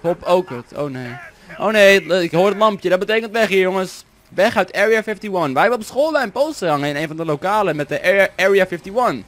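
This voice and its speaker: Excitable Dutch teen gamer. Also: male voice, high voice, a little fast, no room sound. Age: teens. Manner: excitable, swears and yelps at setbacks, hums and sings along. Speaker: gameplay commentator. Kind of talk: Let's Play commentary. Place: home room with a vacuum cleaner running outside.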